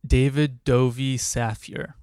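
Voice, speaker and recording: A man's voice: mid-range voice, little pitch movement, slow pace, warm tone, smooth, no room sound, clean studio sound. A young man co-hosting a podcast, in casual chat, hesitant, with many restarts and fillers. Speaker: podcast co-host.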